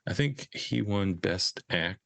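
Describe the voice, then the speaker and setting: A man's voice: sits low, expressive, unhurried, gravelly, a bit bright. A man co-hosting a podcast, laid-back and chatting casually with short dry remarks. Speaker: podcast co-host. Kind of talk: casual chat.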